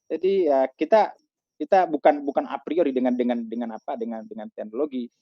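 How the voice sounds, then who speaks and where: A man's voice: mid-range voice, fairly even intonation, a little fast, no room sound. A male Islamic preacher from Gorontalo with an Indonesian accent, preaching emphatically in a Ramadan talk, repeating words and acting out exchanges. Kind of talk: Ramadan sermon in a talk-show interview. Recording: dull lo-fi sound, dry.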